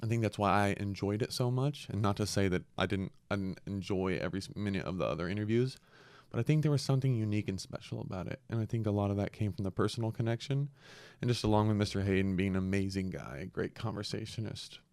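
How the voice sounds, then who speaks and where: A young man with a low, smooth voice talks casually into a dry, close-sounding space. He is congested from a cold and speaks earnestly and reflectively, like a podcast host thinking out loud. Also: fast, dry recording.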